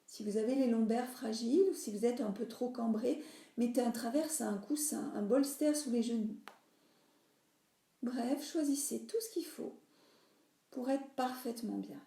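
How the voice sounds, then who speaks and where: A yoga nidra teacher, a woman, leads a guided relaxation meditation in a soothing, instructive tone, her phrases softening into breathiness. Her voice is fairly high and gravelly, at a normal speed, and the recording is roomy and reverberant.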